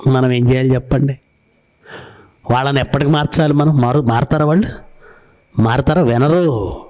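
A man's voice: medium pitch, moderate pace, a little mellow. A man preaching a sermon, telling stories and asking his listeners rhetorical questions. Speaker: pastor.

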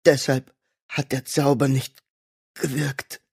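A man voicing a dying older father who speaks weakly and haltingly in an audiobook. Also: mid-range voice, flat delivery, a little mellow, no echo, studio quality, exaggerated voice. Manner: weak, halting, breathy.

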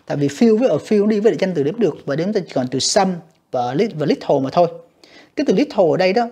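A man walks students through an exam in a slightly husky voice, repeating himself and calling to the class often. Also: high voice, warm tone. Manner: repetitive, addresses students directly with many fillers. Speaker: English teacher. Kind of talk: exam walkthrough lesson.

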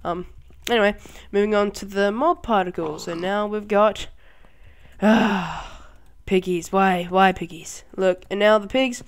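An excitable host talks through a game tutorial in a loose, chatty way, often breaking into laughter and startled exclamations. The talk rambles and is full of fillers. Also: medium pitch, measured pace, clear, resonant tone. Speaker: channel host. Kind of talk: casual game tutorial commentary.

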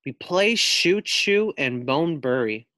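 With a slightly high, animated voice that is bright and forceful, a man acting as a teacher reads a picture book expressively to children, stopping to question them. There is no echo.

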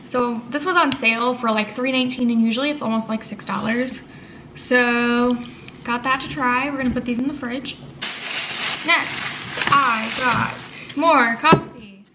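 Casting: young American woman, high voice, chatty vlogger, clear fan whir behind her. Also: unhurried. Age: young adult. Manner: chatty, informal. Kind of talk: casual vlog chat. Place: small bedroom and home kitchen, indoors. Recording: steady fan noise behind home recording. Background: whirring room fan.

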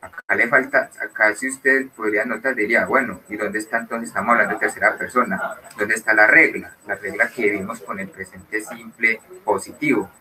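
Male teacher, bright lowish voice, slow and patient, mic a bit far off. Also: fairly even intonation. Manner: explains slowly, mixes Spanish and English, keeps asking "¿cierto?". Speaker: English teacher. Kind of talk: recorded online grammar lesson.

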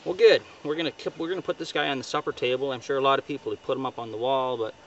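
On a lake outdoors, a young man from northern Ontario, a fishing guide, talks rapid-fire about his catch from a boat, casual and upbeat, full of fillers such as "right" and "you know." His mid-range voice is steady and a bit bright. The camera, held by a companion a few feet off, records distant, noisy audio with the highs cut off.

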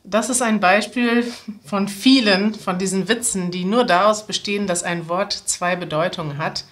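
A woman's voice: medium pitch, normal speed, a bit bright. A woman, explaining jokes step by step to language learners. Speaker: language teacher and presenter. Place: small room indoors, seated at a table.

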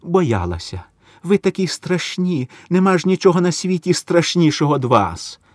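A man's voice: a little high, very animated, normal speed, no room sound, clean studio sound, pitched above the performer's own voice. A man reading a story, voicing a desperate older peasant mother who pleads tearfully for her sons. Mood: pleading.

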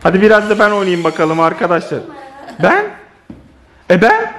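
A man's voice: sits high, moderate pace. A man filming a family vlog at home, exclaiming and calling out to his viewers as he plays. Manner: exclaiming, lively, addressing viewers. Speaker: family vlogger. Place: home living room.

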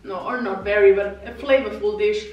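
A woman's voice: medium pitch, steady tone, normal speed, dull audio. A young woman from Vienna chatting casually as she tastes and reviews vegan dishes, giggling often. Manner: chatty, giggly, tastes food while talking. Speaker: vlogger reviewing vegan food. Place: living room with wicker sofa, indoors. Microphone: far camera. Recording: echoey room, voice from far off.

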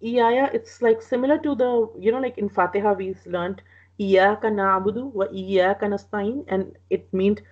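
Husky woman teaching, muffled recording. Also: mid-range voice, normal speed, a little mellow. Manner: explains patiently with many fillers and restarts. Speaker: Quranic Arabic teacher. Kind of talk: explaining a lesson.

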